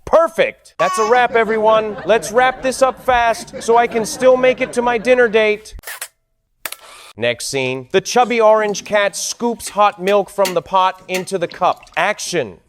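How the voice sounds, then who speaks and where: A man's voice: high voice, a little slow, fairly bright tone, slight background noise. A man playing a film director on set, calling cut and again in a bossy, exasperated way. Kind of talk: scripted comedic narration.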